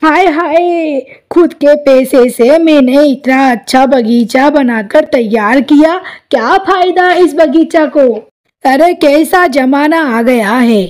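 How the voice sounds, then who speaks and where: A woman's voice: high-pitched, slow. A woman doing a cranky old grandmother sparrow. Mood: lamenting. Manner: shouting, scolding. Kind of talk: cartoon voice acting.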